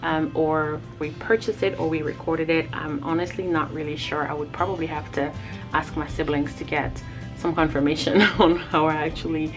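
A Congolese artist vlogger, a woman whose first language is Lingala, tells a casual story over a timelapse in a low, steady voice at a normal pace. She's chatty and reminiscing, laughing often and using plenty of fillers, with music playing beneath her.

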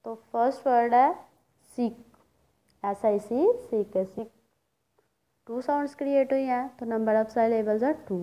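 A woman teaching a recorded English lesson. She reads English words slowly and explains each one in Urdu. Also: on the high side, warm tone, low-quality recording. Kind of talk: recorded class lecture.

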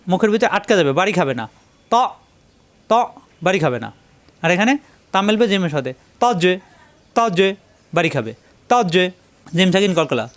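A man teaching Quran recitation rules, patiently repeating each sound to show the difference. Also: sits high. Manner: recites verses in slow drawn-out chant. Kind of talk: tajweed lesson.

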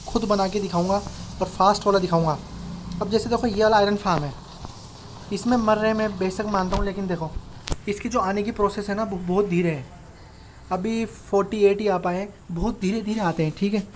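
A man's voice: high voice, slight background noise. A young man casually narrating his own gameplay as host of a gaming channel, talking informally and directly to his viewers like friends. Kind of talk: casual Minecraft tutorial voice-over.

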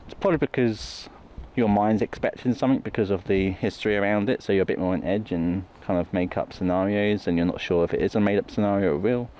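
A video host who explores haunted places chats informally to the camera on a woodland walk, rambling through his thoughts on a handheld phone. His lowish voice is mellow and fast with fairly even intonation, and there's slight background noise.

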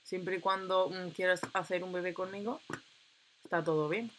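A young woman, chatting excitedly and reading game options aloud as she plays. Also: fairly low pitch, moderate pace, a little hiss or hum. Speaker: gameplay commentator. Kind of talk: casual let's-play commentary.

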